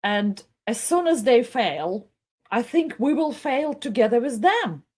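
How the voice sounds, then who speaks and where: Woman presenter, kinda high voice, slow and emotional, keeps stopping and repeating herself. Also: big pitch swings, a little mellow. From Soviet Union. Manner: emotional, halting, repeats words. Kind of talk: impassioned live commentary.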